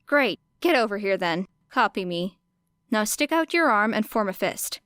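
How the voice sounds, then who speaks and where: A woman voices a brash, teasing young female street fighter in an audiobook, coaching in a blunt, cocky, casual and sweary way with a brisk, instructive mood. Her medium-pitched voice is animated, moderately paced, a bit bright and clean, lightly acted, recorded at studio quality with no echo.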